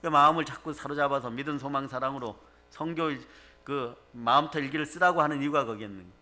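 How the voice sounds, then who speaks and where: A man's voice: mid-range voice, fast, pushed and bright. A man preaching a sermon as a pastor in a church, speaking emphatically and putting questions to the congregation. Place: church or prayer retreat hall.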